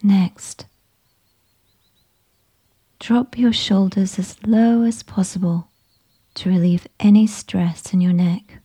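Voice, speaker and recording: A woman whispering a slow, soothing guided meditation with gentle instructions. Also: medium pitch, steady tone, husky.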